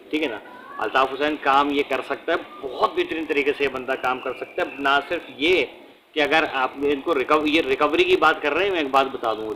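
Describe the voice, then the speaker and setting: A man with a Pakistani Urdu accent giving blunt, animated political commentary to the camera, often tagging sentences with quick checks on the listener. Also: medium pitch, slight background noise, poor audio. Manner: animated, blunt and ranting, with frequent tag questions. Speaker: political vlogger. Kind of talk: opinionated casual commentary to camera.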